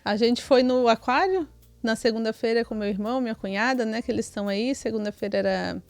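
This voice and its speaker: A woman's voice: on the high side, fairly quick, gravelly, darkish tone, dry recording. A woman with a Brazilian Portuguese accent, a podcast co-host and mother, telling a family story in casual chat, often adding tag questions. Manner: chatty, many tag questions.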